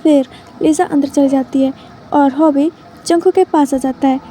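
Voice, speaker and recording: A woman narrates a story in a plain, steady way. Her voice is high with a soft, dark tone. It is a storybook read-aloud. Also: normal speed, slight background noise.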